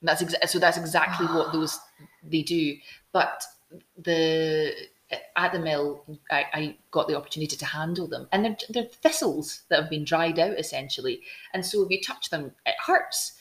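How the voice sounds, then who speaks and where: A woman's voice: low-pitched, normal speed, a bit bright, roomy sound. A woman from Glasgow with a Scottish accent, hosting a casual chat and telling stories with enthusiasm, often restarting her sentences. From Scotland. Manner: enthusiastic, storytelling, with frequent restarts.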